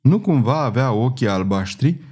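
A man voicing a commanding, scheming noble lady who speaks gently and persuasively, in a storybook reading. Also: medium pitch, lively intonation, slightly rough. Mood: gentle.

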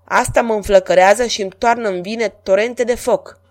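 A vain middle-aged monarch, carried away by love and used to being obeyed, as a woman reader puts him on. He speaks in a grand, declamatory storybook voice, louder and a touch higher than plain narration, with a pitch that sits mid-range for a woman. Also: steady tone, natural voice. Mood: rapturous. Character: lovestruck middle-aged French king, vain and commanding.

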